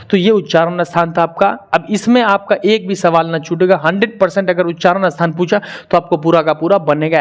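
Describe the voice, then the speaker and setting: A young man teaching a grammar lesson, drawing out syllables slowly and asking viewers to answer in the comments. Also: a little high. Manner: drills sounds slowly, repeating syllables.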